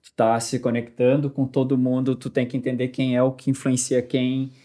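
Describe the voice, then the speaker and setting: A man speaking as a podcast guest about sales, talking in a relaxed, meandering way. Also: medium pitch, moderate pace. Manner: relaxed, meandering, with restarts and fillers. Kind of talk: casual conversational chat.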